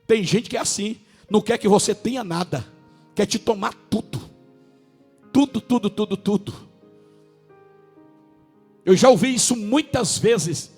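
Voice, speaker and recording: A male pastor preaching a sermon, with a northern Brazilian accent, a raspy voice, and sudden shouted peaks between drawn-out words. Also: high-pitched, big-room sound, soft background music. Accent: Brazilian Portuguese, northern.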